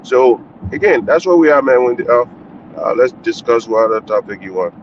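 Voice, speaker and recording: A man's voice: medium pitch, animated, normal speed. A man calls in on his car speakerphone as he drives, blunt and critical in his remarks. His voice sits in a middle register and comes through a dull, lo-fi line with faint road noise underneath. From Liberia. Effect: calling in on a car speakerphone while driving. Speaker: caller commenting on the news. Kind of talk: casual radio call-in commentary. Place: inside a moving car.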